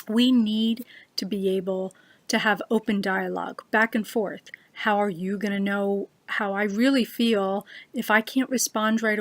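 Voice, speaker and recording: A woman giving an earnest personal talk to a webcam, slowing down to stress her key words. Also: mid-range voice, dry recording. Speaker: speaker giving a short talk. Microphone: webcam on a computer.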